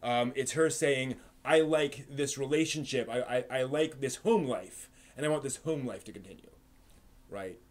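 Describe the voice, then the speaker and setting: This man talks at normal speed in a medium pitch while running an anime live stream. His replies to chat are loose and casual, full of restarts and filler words.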